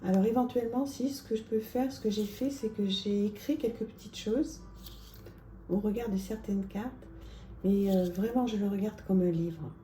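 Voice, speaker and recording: A woman presenting oracle card decks in a casual, chatty vlog, with lots of small pauses and fillers. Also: mid-range voice, dark tone, reverberant, a little hiss or hum. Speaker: tarot and oracle card reviewer.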